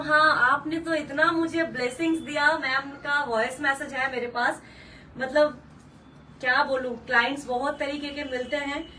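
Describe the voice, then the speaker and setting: A woman with a high, bright voice pitches sarees on a live stream, gushing and repeating herself as she names each shade. She sits a little back from the mic. Faint noise hums underneath. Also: recorded from a distance, low-quality recording. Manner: gushing, repetitive, mixes English color words into Hindi. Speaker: saree seller hosting a live sale.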